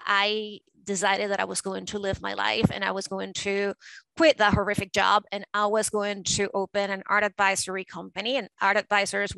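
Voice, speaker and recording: A woman's voice: mid-range voice, vocal fry, bright, forceful tone, smooth, no echo, low-quality recording. A woman in her forties from Venezuela, an art advisor talking fluently and emphatically as a podcast guest. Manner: fluent, emphatic, with frequent fillers. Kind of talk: conversational interview.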